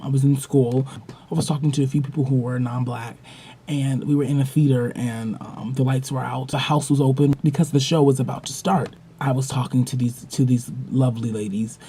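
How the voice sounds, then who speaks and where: A man's voice: mid-range voice, mellow, husky. A young man hosting his own vlog, talking casually to the camera and telling stories with emphasis. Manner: emphatic, storytelling with acted-out quotes. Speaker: vlog host.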